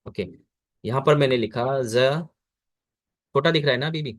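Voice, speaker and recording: Patient Indian man tutoring online. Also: medium pitch. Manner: patient, repeats words slowly for a student. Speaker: French tutor. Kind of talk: online language lesson.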